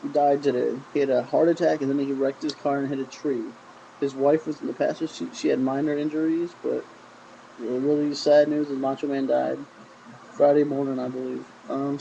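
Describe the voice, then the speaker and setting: A man's voice: medium pitch, gravelly, mellow, lo-fi sound, a little hiss or hum. A man giving a casual, rambling review of a wrestling show, often repeating "I mean". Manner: rambling, with frequent "I mean" and restarts.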